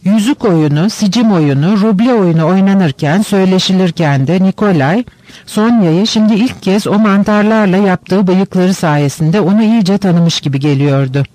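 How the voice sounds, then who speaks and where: A man narrating a novel for an audiobook in a steady, unhurried way. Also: high-pitched, no echo. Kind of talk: audiobook reading.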